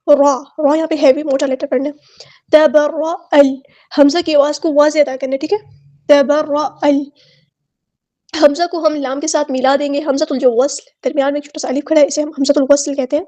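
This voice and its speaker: A woman teaching tajweed, explaining letters slowly and repeating single sounds and words as models. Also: high voice, mellow. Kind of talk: tajweed lesson, explaining word by word.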